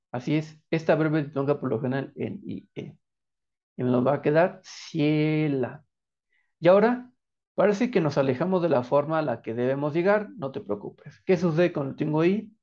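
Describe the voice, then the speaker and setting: A man's voice: on the high side, darkish tone, muffled recording. A man with a Mexican accent teaching a lesson in quiz style, answering his own questions and praising the viewer. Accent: Mexican Spanish.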